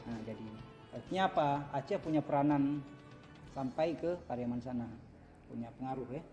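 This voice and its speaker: A man guiding visitors through a museum exhibit. He explains carefully and pauses on fillers. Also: mid-range voice, mellow, faint music behind. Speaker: museum guide. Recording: dull lo-fi sound.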